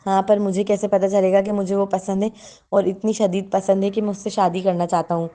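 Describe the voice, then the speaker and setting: A woman's voice: medium pitch, level tone, dark tone, lightly acted. Woman reading a teasing young man.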